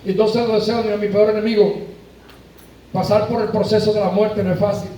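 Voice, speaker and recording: A man's voice: sits high, level tone, brisk, mellow, a little hiss or hum. A man with a Puerto Rican Spanish accent, a pastor giving an emotional sermon testimony in a church. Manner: emotional testimony, tearful at times. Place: church sanctuary. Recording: very echoey church from far off. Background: congregation responding.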